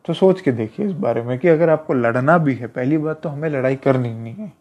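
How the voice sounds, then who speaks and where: Man giving casual fight advice, dark tone. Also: medium pitch, fairly quick. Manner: conversational, repetitive, addresses listener as brother. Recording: dull lo-fi recording.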